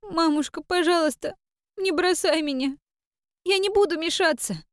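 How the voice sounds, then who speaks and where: A woman's voice: extremely high pitch, normal speed, no room sound, clean studio sound, pitched above the performer's own voice. A woman voicing a frightened little girl who cries and stammers as she begs her mother to stay. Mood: pleading. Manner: stammering through tears, pleading. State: crying.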